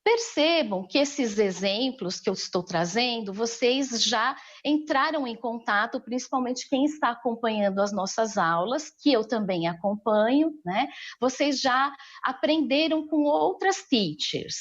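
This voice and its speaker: A woman's voice: fairly high pitch, lively intonation, a little slow, lo-fi sound. A woman with a Brazilian Portuguese accent teaching an English class remotely, explaining patiently and checking in with her students.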